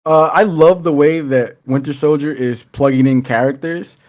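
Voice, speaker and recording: A man co-hosting a gaming podcast, chatting in a relaxed and thoughtful way. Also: a little high, normal speed. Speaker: podcast co-host. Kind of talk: casual chat.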